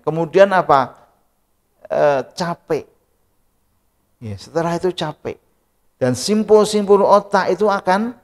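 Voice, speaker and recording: A male preacher giving a Quran study sermon, telling stories and posing questions he then answers. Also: a little high. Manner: storytelling, asks and answers his own questions. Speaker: Islamic preacher. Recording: long hall reverb.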